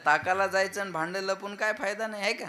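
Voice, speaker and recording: A man preaching a devotional kirtan sermon. He keeps asking the audience to answer him back and slows down to chant verses. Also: high-pitched, steady tone, pushed and bright.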